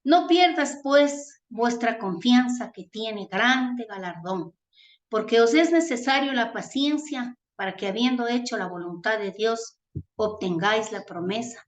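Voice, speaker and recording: A woman's voice: on the high side, a little slow. A woman from Ecuador preaching a sermon, earnest and tender, calling her listeners family. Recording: echoey room.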